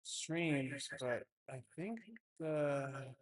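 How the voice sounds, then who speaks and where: A young man speaks extremely slowly in a steady, mid-range voice, rambling casually with lots of fillers and hesitation. He's at home setting up a stream and talking into a desktop mic.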